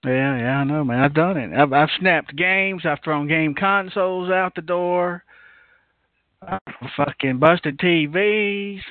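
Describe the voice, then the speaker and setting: A man's voice: on the high side, slow pace, no echo. A man on a casual podcast, teasing and swearing, often laughing. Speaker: podcast co-host. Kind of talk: casual chat. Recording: dry phone-like line.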